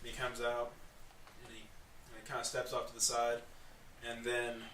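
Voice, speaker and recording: Bright-voiced man running the game. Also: mid-range voice, monotone, moderate pace, far from the mic, slight background noise. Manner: loose, chatty, filler-heavy. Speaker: dungeon master. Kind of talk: narrating a tabletop game. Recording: echoey room, off-mic.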